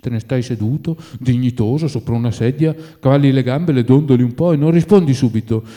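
A man's voice: mid-range voice, fairly quick, mellow, pitched below the performer's own voice, close to an everyday voice. A man doing an old, lamenting servant. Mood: grumbling. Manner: plaintive, sighing, pious grumbling. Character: old male servant, poor, drinking, lamenting.

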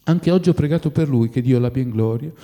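Fields: Figure: old male servant, poor and fond of drink, voiced by a man. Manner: plaintive, sighing, grumbling, calls on God. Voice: mellow, pitched a bit high. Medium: audiobook. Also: quick pace, natural voice.

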